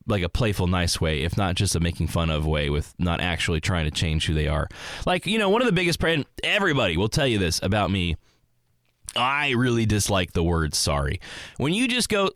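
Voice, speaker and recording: Rambling animated man, close and dry. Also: fairly low pitch, no echo. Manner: rambling, animated, acts out quotes in a raised voice. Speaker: podcast host. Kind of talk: rambling solo monologue. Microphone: close mic in a small dry space.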